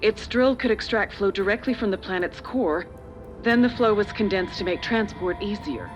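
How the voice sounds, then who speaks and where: In video game voice acting, a woman plays an older female corporate official and parent who is calculating, persuasive and patronizing. Her mid-range voice is lightly acted, measured and evasive, persuasive with a slightly condescending edge. Music plays behind her.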